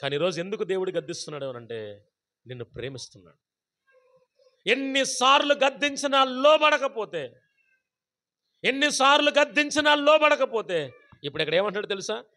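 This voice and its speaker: A man's voice: high-pitched, very animated, normal speed, long pauses, bright, forceful tone. A man preaching a sermon as pastor at a prayer gathering, who asks the congregation questions and repeats scripture phrase by phrase.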